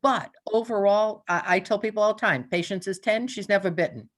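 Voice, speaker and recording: A woman's voice: medium pitch, fairly quick. Chatty New woman telling stories. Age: older. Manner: chatty storyteller, laughs often, plays out her animals' thoughts. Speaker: animal communicator guest. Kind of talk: casual interview chat.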